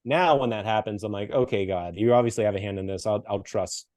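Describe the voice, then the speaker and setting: A man's voice: on the low side, a little fast, darkish tone, dry recording. A middle-aged man from Western Pennsylvania telling a story in a casual interview, acting out the people he quotes and laughing often. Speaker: podcast guest, coach and speaker.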